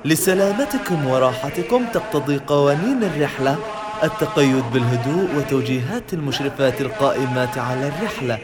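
A man reading a formal, courteous airline-style cabin announcement to young children on a pretend flight. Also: fairly high pitch. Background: music.

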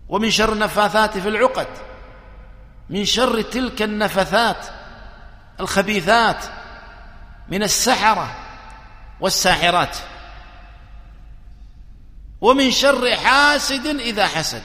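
A man preaching a religious sermon, slow and emphatic, counting his points one by one. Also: sits high, bright, forceful tone. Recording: echoey hall with long reverb.

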